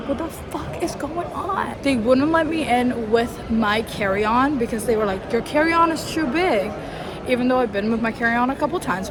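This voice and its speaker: A young woman vlogging to camera in a casual, chatty, expressive and informal way. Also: on the high side. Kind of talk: casual vlog chat to camera. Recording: clear background noise, travel ambience.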